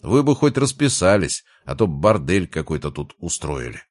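A man reading the lines of a gruff, exasperated middle-aged father in an audiobook, loud and grumbling. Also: deep voice, big pitch swings, moderate pace, dry recording.

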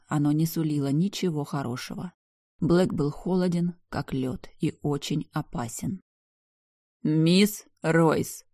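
A woman giving expressive first-person narration of an audiobook. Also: deep voice, no echo, clean studio sound.

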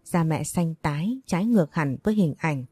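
A woman reading a first-person story aloud in a measured, emotive storytelling manner. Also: low-pitched, animated, mellow, breathy edge, no echo. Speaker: audiobook narrator.

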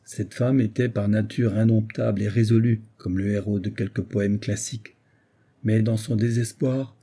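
A man narrating a classic novel in a measured, literary reading. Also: on the low side, mellow, slightly rough. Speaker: audiobook narrator.

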